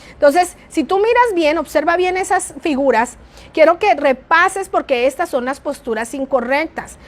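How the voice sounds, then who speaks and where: A middle-aged woman with a naturally soft voice, teaching an online church class and shifting her tone and volume for emphasis. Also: sits high. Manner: varies tone and volume for emphasis, addresses listener as "mi amado".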